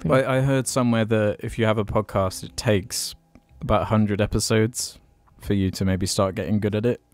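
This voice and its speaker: A man's voice: lowish voice, fairly even intonation, moderate pace, a little mellow, faint music behind. A man in his twenties chatting casually as a podcast co-host. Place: small padded attic room. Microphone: podcast mic on boom arm.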